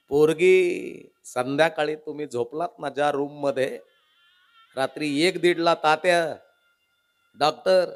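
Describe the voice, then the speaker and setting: Emotional preacher. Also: male voice, a little high. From Maharashtra. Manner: dramatic, emotional, swings between loud and hushed; addresses the audience directly. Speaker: kirtan preacher. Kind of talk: humorous devotional sermon.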